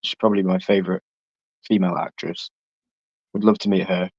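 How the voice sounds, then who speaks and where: A man's voice: deep voice, little pitch movement, fairly quick, a little mellow, husky, dry recording. A man chatting casually as a panellist on a livestreamed show. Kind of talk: casual chat. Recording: dull lo-fi microphone.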